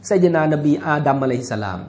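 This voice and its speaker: A man's voice: medium pitch, animated, racing, darkish tone. A man giving a religious lecture in a mosque, explaining in a conversational way with jokes and asides, and chanting scripture passages. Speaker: Islamic lecturer. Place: mosque hall.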